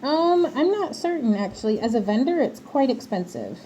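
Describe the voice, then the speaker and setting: This craft maker hosts a livestream as she works, teasing and giggling in a casual, playful chat muffled slightly by her respirator mask. Her voice is high yet dark in tone, with big pitch swings, a normal speed, and slight background noise.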